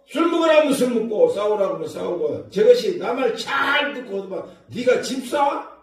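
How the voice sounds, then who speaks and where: A sneering, taunting demon mocking a believer through a possessed person, as an older man puts it on. The voice rides a little higher than his own and carries strongly. It booms around a big echoey hall, heard from well back from the mic. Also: very animated, normal speed, far from the mic.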